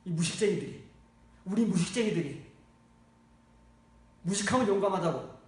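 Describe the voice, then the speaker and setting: A man preaching a sermon as pastor, blunt and scolding, swinging from low murmurs to loud exclaims. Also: normal speed. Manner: lively, shifts from low muttering to loud exclaiming. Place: church. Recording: echoey church hall, mic far off.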